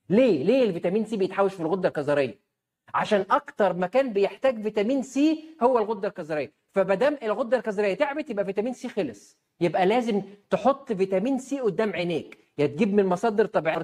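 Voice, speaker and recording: An Egyptian-accented woman doctor talks through her health advice at a rapid clip. Her voice sits in a middle register, and she keeps throwing out rhetorical questions and answering them herself with emphatic force. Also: medium pitch, warm tone. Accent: Egyptian Arabic.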